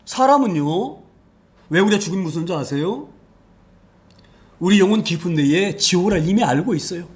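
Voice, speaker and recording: High-voiced emphatic male preacher. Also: animated, moderate pace, pauses often. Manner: emphatic, rhetorical questions, frequent hallelujahs, wide swings in loudness. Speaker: pastor. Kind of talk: sermon.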